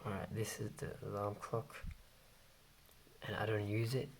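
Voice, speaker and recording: A young-sounding vlogger's casual review, spoken in a hushed, quiet-at-night voice with a gravelly creak. The pitch sits in a middle range. There is faint noise and clicking in the home recording. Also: little pitch movement, measured pace. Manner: speaking very quietly, hushed as if at night while others sleep. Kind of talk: casual hushed vlog chat.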